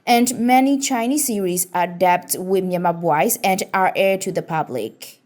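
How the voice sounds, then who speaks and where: A woman's voice: lowish voice, measured pace, a little mellow, slight background noise. A woman delivering a scripted radio news report.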